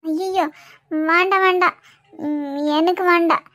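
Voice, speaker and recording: A stubborn cartoon mother-in-law, as a woman voices her, whining and protesting in a Kanyakumari Tamil accent. Her voice sits very high, and the sound is dry and close. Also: fairly even intonation, measured pace, a bit bright, no room sound. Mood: whiny protest. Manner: whiny, protesting, dramatic. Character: fussy stubborn middle-aged mother-in-law. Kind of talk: cartoon voice acting.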